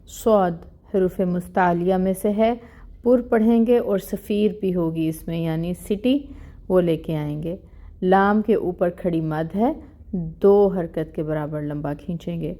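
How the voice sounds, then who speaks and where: A woman teaching tajweed in an online lesson, explaining each rule plainly and reciting verses slowly and drawn out. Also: lowish voice, dark tone. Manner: explains rules plainly, mixing in English words.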